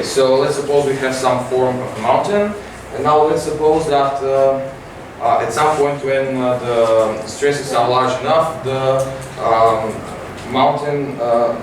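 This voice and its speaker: A man's voice: mid-range voice, fairly even intonation. Teenage boy presenting, echoey classroom. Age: teens. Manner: halting, many fillers. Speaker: student presenter. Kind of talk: science competition report. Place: large classroom with projector. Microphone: far camera. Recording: echoey room from far off, noisy.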